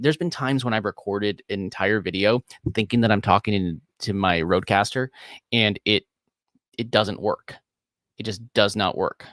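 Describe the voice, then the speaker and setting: A man's voice: fairly low pitch, fairly bright tone, no echo, clean studio sound. A man hosting a live screen-share editing tutorial, talking casually and rambling with frequent chuckles. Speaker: host.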